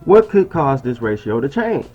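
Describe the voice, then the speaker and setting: His mid-range voice is dark in tone and sing-song, moving at normal speed as he reads an article aloud indoors at his laptop. He talks it over conversationally, often asking "right?" and saying "bro," while soft music plays under dull-sounding audio.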